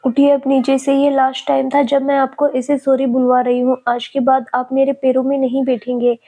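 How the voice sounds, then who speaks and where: A woman's voice: high-pitched, completely flat delivery, normal speed, warm tone. A woman voicing an innocent young woman who forgives her lover through tears. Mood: tearful. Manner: innocent, crying.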